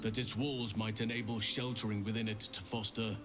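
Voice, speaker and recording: A man voicing an earnest, troubled druid leader in a video game, measured, grave and formal. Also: on the low side, flat delivery, over music, close to an everyday voice. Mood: troubled, weary.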